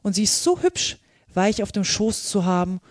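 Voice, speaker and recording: A woman reading a storybook and voicing a curious, polite little girl in a raised, girlish pitch. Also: very animated, moderate pace, dry recording, clean studio sound, close to an everyday voice. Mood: chatty.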